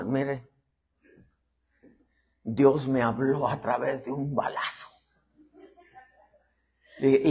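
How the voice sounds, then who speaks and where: A man's voice: medium pitch, vocal fry, slightly rough. A man preaching a sermon. He acts out voices and keeps calling the listeners "hermano". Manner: animated preacher acting out voices, constantly saying "hermano". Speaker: apostle preaching.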